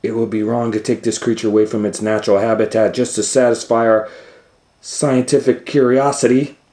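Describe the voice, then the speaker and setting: An earnest, principled lady mouse from a children's storybook, played by a man, firm and protesting, with the pitch pushed up. The room gives it an echo. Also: flat delivery, a little fast, dark tone, close to an everyday voice. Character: principled, earnest female mouse assistant explorer. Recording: roomy, echoing sound.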